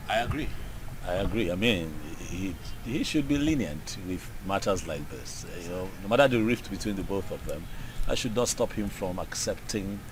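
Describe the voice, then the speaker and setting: A man's voice: deep voice, animated, normal speed. An actor playing a reasonable, agreeable Nigerian man in a film drama, talking in a conciliatory, conversational way. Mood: agreeable, reasoning. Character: agreeable, reasonable man discussing a traditional wedding. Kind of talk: Nollywood film acting. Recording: noisy outdoor location, traffic hum.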